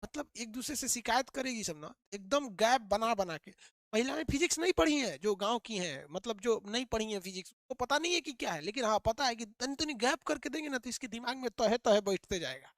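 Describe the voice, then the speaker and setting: Male physics tutor, quick and repetitive, dry close recording. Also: very high-pitched, expressive, fairly bright tone, dry recording. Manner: rapid, repetitive, quizzing the students. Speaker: physics teacher. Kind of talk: animated classroom lecture.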